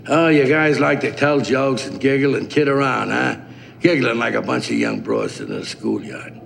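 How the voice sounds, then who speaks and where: An actor playing a gruff, bossy older male crime boss with a gravelly voice, blunt and profane in crime film dialogue. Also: medium pitch, expressive, normal speed, a bit bright. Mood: scolding. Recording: noisy, long reverberant room sound.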